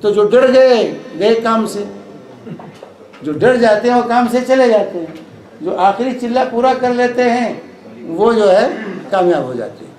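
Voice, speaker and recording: Urdu-accented male lecturer, high voice, patient explainer, echoey hall with faint hiss. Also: measured pace. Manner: calm explanatory, repeats points for emphasis. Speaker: Islamic lecturer. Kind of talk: lecture with audience questions.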